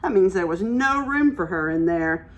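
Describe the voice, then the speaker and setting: A woman teacher gives an interactive read-aloud lesson to young children, explaining things simply and asking encouraging questions along the way. Her voice is fairly low, with lively intonation and a moderate pace.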